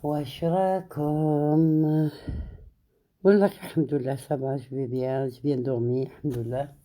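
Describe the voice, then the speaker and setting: Low mellow-voiced woman chatting live. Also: fairly even intonation, a little fast. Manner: switches between French and Arabic, greets viewers by name. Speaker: live stream host. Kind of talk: casual live chat with viewers.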